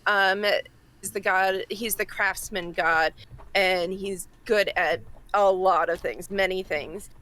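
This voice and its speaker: A woman from Massachusetts, with that accent, talks casually as a podcast co-host. Her voice sits at a middle pitch and she explains things informally, feeling her way through phrases. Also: fairly even intonation, takes it slowly, bright, forceful tone. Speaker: podcast co-host presenting a segment. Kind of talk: casual chat.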